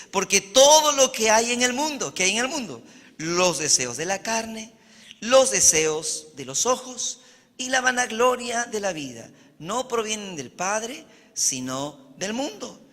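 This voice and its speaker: A man's voice: sits high, sharp tone, big-room sound. A man from Peru, a pastor, preaching a sermon and checking in with his congregation with frequent amens and questions. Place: church hall.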